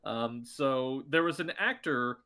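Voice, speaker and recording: A male voice actor rambles through anecdotes on a relaxed podcast, leaning on plenty of fillers. He speaks slowly in a mid-range voice with a sharp tone.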